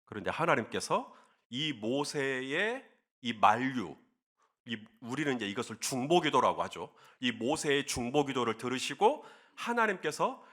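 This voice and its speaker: A male pastor giving a sermon, telling a story in an animated, expressive way to his congregation. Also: medium pitch, measured pace.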